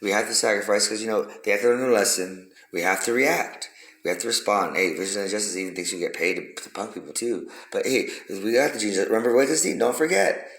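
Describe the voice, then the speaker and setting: A man's voice: fairly low pitch, fast talker, creaky, a bit bright. A man giving a rambling, profane philosophical monologue, repeating himself for emphasis. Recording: roomy echo.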